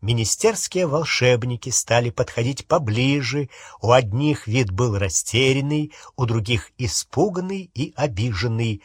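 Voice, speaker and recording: Male audiobook narrator, unhurried, husky, dry close sound. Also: medium pitch, no room sound. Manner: unhurried expressive storytelling. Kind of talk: audiobook reading.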